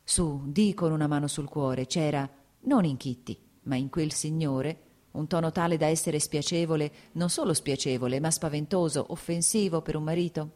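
An exasperated aristocratic mother from a classic novel audiobook, quick to scold and anxious underneath, voiced by a woman narrator. The voice is low and dark at its base, lifted only slightly for the part. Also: natural voice. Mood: worried confiding.

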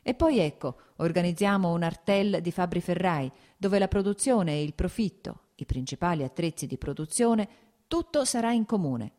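A woman reading an audiobook, voicing an agitated, sickly radical man who declaims loudly and irritably. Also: fairly low pitch, animated, moderate pace, natural voice. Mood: impassioned. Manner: loud, heated, irritable declaiming.

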